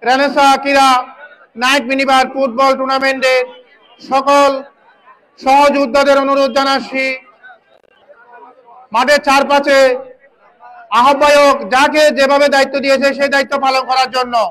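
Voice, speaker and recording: High-pitched Bangladeshi man calling local football. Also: completely flat delivery, normal speed, pauses often, fairly bright tone, low-quality recording. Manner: repeats phrases as he calls play. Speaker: football match commentator and announcer. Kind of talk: live local football commentary and announcements. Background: crowd at a local football match.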